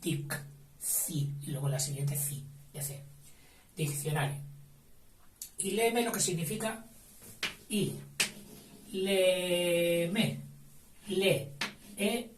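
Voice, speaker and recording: A man giving a slow spelling dictation, breaking words into syllables and spelling out letters, recorded from a distance in a noisy, roomy space. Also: a little high, lively intonation.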